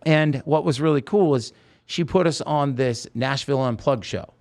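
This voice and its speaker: A man's voice: mid-range voice, normal speed. A man telling a long backstage story in a casual interview, acting out the people he quotes. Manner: animated anecdote teller, acts out quoted voices. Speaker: guest musician.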